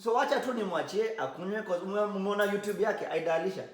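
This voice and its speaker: In an echoey room, a man with a Kenyan accent, a DJ who co-hosts a podcast, speaks in a high-sitting voice at a quick pace. He jokes around, goes through viewer comments, and slips back and forth between languages.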